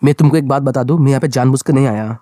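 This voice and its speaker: A man voicing a panicky young male fighter who keeps complaining and yelling in a manga recap. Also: mid-range voice, very fast, no room sound, clean studio sound, natural voice. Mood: frantic.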